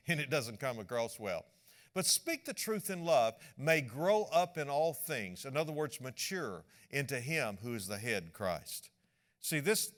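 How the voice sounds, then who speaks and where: A man's voice: mid-range voice, fairly bright tone. A male pastor preaching a sermon, repeating words and acting out quoted speech.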